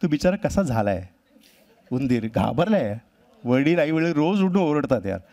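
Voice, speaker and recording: A cartoonist giving a wry, humorous storytelling talk on a festival stage. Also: male voice, on the high side, big pitch swings, a little fast, warm tone. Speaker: cartoonist speaker. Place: live event stage.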